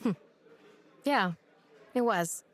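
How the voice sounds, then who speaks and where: A woman's voice: fairly high pitch, animated, drawn-out words. An actress playing a blunt, sarcastic young woman in an audio drama, talking dry, direct and teasing. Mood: earnest. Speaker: [name].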